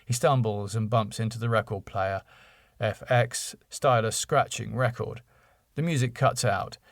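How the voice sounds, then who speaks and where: With a lowish, steady voice and a touch of vocal fry, a middle-aged British podcaster reads his own screenplay and then talks casually to listeners. He never hurries, and the studio recording is clean and echo-free.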